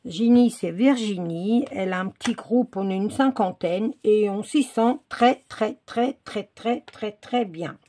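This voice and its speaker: Chatting to herself while making cards at home, a crafting video host from France rambles, using many fillers and starting over often. She speaks a little slowly in a dark, mid-range voice with hardly any pauses, recorded by a phone or camera filming her work table indoors.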